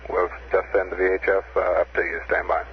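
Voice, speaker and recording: A man's voice: low-pitched, little pitch movement, fairly quick. A man making matter-of-fact, clipped procedural calls as a ground controller over a muffled, noisy 1960s space radio link. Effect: space radio transmission. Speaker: mission control capsule communicator.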